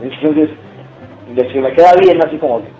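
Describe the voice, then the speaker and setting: A young man with a Mexican accent telling a funny story to friends in casual, slangy talk, laughing and acting out shouts. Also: fairly high pitch, moderate pace, reverberant, lo-fi sound. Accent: Mexican Spanish.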